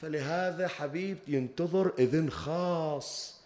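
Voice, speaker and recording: A man preaching a Muharram mourning sermon in a mourning hall. He puts questions to the gathering and swells into loud lament. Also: a little high, unhurried. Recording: echoey hall.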